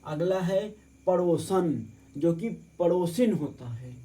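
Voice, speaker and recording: A man with a fairly high but very dark, mellow voice leads a spelling lesson for exam prep. He drags out each corrected word slowly and then explains it in a plain teaching manner. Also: lively intonation. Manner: slow, drawn-out word by word correction.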